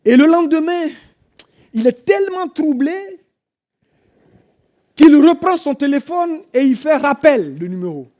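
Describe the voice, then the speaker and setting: Male French preacher, very high pitch, slow dramatic delivery, hushed to shouting. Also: very animated. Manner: dramatic storytelling, swelling from hushed to shouting and singing. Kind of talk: sermon storytelling. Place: church.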